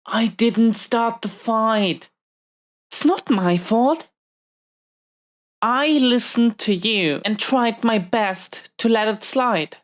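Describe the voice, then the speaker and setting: A woman's voice: fairly high pitch, takes it slowly. A woman playing a protective, hot-tempered but tender supervillain in prison, in an intimate audio roleplay, speaking defensively and hesitantly to an unseen listener. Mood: defensive, irritated.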